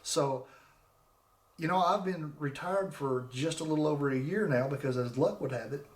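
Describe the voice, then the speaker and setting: Recorded on a laptop with a desk mic in a roomy-sounding space, this fortysomething podcast host talks at a normal pace in a slightly high voice. His solo chat is casual and meandering, full of restarts.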